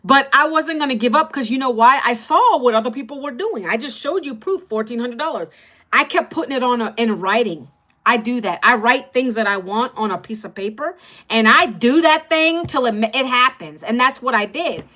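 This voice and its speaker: A middle-aged woman hosting a casual livestream, talking straight to her viewers with energy and emphasis as she pitches an online course. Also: animated, moderate pace, sharp tone.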